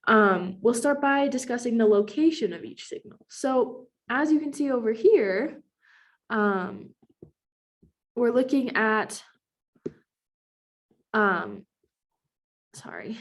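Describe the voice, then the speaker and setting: Woman student with a cold. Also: fairly high pitch. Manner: careful explanatory pace with frequent ums. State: has a cold. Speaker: chemistry student. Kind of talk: recorded class presentation.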